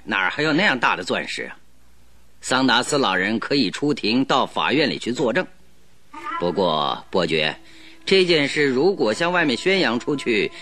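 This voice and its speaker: A male actor plays a calm, shrewd detective in a radio drama. His mid-range voice is measured and persuasive, carrying a sly confidence.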